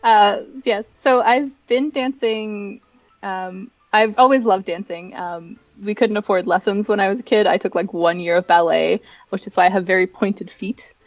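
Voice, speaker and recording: Giggly and casual, this young woman rambles through personal stories as a guest on a livestream; she works as an event director and dancer. She speaks at medium pitch and moderate pace, in a dry, lo-fi recording.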